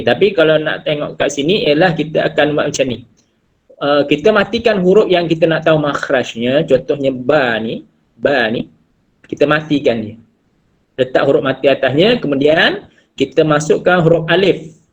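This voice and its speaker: A man with a Malaysian Malay accent teaches over a video call, his voice husky and somewhat breathy. He is patient and drawn out, sounding each letter slowly and repeating it for the class. The audio is dull and lo-fi, as from an online meeting. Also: on the high side. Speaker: Quran recitation teacher.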